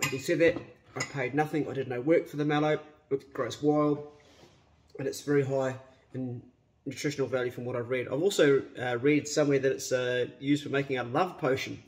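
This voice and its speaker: A man's voice: mid-range voice, fairly even intonation, brisk, a little mellow, slightly rough. A middle-aged man with a broad New Zealand accent, chatting casually to camera in a laid-back, blokey, slangy way. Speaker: vlogger. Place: around a house: kitchen, yard and glasshouse. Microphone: phone at arm's length.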